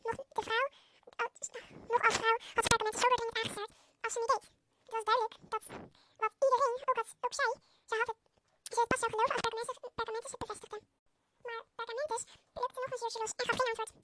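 A woman reads a storybook aloud in a very high, bright voice. She races along at great speed, tripping over words and restarting often. The recording is close and dry. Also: steady tone, very fast, long pauses, dry recording.

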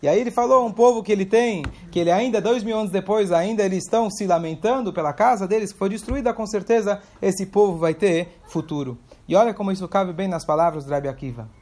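A man's voice: sits high, fast talker, hardly any pauses, darkish tone. A man teaching a Torah class, explaining step by step and asking questions aloud to his listeners. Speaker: religious teacher.

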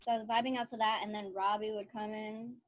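A woman's voice: medium pitch, level tone, fast talker, no echo. A woman in her thirties chatting casually on a podcast, telling stories in a bubbly way and laughing often. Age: 30s. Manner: giggly, bubbly storyteller who laughs often. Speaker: podcast co-host. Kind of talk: casual chat.

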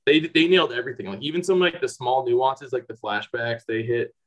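A man's voice: medium pitch, brisk, dull audio. Chatty man from the Chicago suburbs. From Chicago suburbs, USA. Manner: rambling, lots of "like" and restarts. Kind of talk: casual chat.

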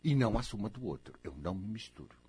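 A man giving self-help advice in a lively, conversational way, acting out little imagined exchanges. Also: on the low side, a little hiss or hum. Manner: animated, acts out imagined people in quick asides.

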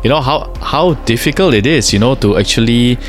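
A man's voice: medium pitch, expressive, brisk, faint music behind. A Singaporean man co-hosting a paranormal podcast, telling anecdotes in a casual, colloquial chat.

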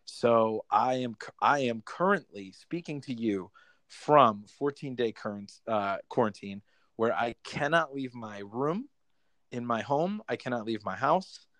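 A young man talks in a loose, rambling way, laughing often and swearing freely. His voice sits at a middling pitch. The sound is close and dry, with no room echo. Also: expressive, a little slow, fairly bright tone. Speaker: musician guest. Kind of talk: casual podcast chat. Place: home bedroom in quarantine.

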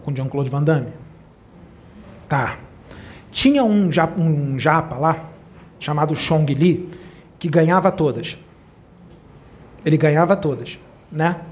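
A man giving an informal spiritual talk. He retells film scenes in an animated way and keeps checking in with his listeners. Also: fairly high pitch, slight background noise. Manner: animated storyteller, acts out quoted characters; conversational, checks in with listeners often. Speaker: spiritual speaker.

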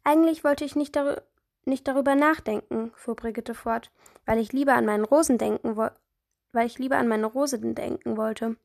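A woman's voice: fairly even intonation, brisk, creaky, darkish tone. Woman reading as a hesitant neighbor woman. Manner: hesitant, slightly lower. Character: hesitant adult woman neighbor, fond of roses.

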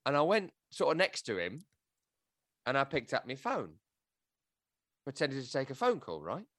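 A man hosting a football podcast, talking in an animated, joking and scathing way. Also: medium pitch, moderate pace, dry recording, studio quality. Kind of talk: casual football chat.

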